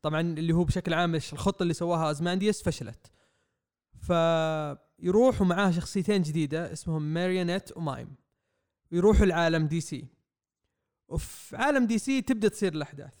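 A young man, rambling excitedly through a comic review on a podcast mic. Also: fairly high pitch, quick pace. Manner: excitable, rambling, acts out quotes. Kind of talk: casual podcast review chat. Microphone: podcast microphone.

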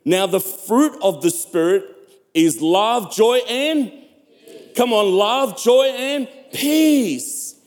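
A man's voice: high voice, lively intonation, slow pace, a little mellow. A man from South Africa preaching a sermon as pastor, emphatic, repeating and stretching key words and urging his listeners on. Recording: long hall reverb.

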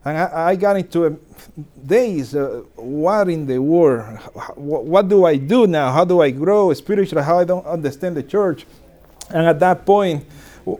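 Dominican guy in his 40s talking to pastors, kinda high, mellow, restarts a lot and chuckles. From Dominican Republic. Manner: warm, self-deprecating, laughs often, frequent restarts. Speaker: pastor speaking to church leaders. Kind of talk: informal conference talk.

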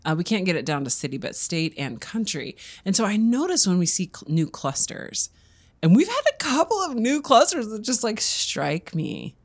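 A woman co-hosting a podcast in casual chat, a little hoarse from a cold and laughing often. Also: medium pitch, big pitch swings, moderate pace. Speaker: podcast co-host.

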